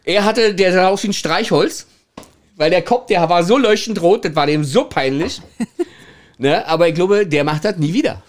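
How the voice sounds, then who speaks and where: A man's voice: high-pitched, moderate pace. A middle-aged man, telling anecdotes in a chatty way, laughing often and checking in with the listener. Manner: chatty, laughs a lot, tags lines with "ne?". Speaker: former toilet attendant telling stories.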